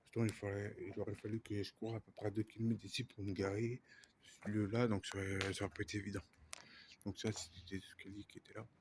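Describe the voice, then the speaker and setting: A man talking quietly in a hushed, often half-whispered way, narrating an exploration vlog at night. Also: fairly low pitch, flat delivery, fast, noisy background. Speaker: urbex explorer filming for viewers. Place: inside a dark abandoned building.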